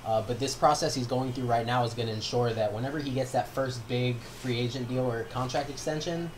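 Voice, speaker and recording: A man's voice: medium pitch, brisk. A male podcast guest chatting casually, confident and explaining with analogies. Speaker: guest, co-founder of the show. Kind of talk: casual sports podcast chat. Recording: noisy line with steady hiss.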